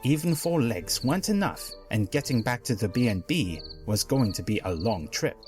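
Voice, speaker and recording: A man narrating a pony fanfic story as a dramatic reading, expressive throughout. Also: on the low side.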